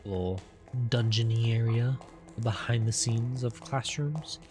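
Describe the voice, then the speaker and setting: A man's voice: medium pitch, unhurried, music in the background. A man casually commentating his video game playthrough, rambling and tripping over his words, then joking about it. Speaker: let's play host.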